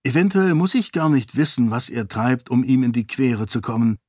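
A man reading an audiobook, voicing a determined young noblewoman who talks in a brisk, insistent way. The recording is dry. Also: medium pitch, lively intonation, a little mellow, dry recording, natural voice. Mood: earnest. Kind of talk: audiobook character voice.

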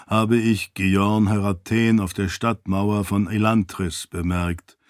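A man voicing a calm, deferential floating spirit servant. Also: low voice, no echo, clean studio sound, pitched below the performer's own voice. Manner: measured, deferential. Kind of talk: audiobook character voice.

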